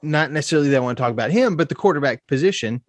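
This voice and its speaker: A man co-hosts a casual college football podcast, talking very fast in a slightly high voice with lively intonation. He often repeats his first words, and there's no room sound.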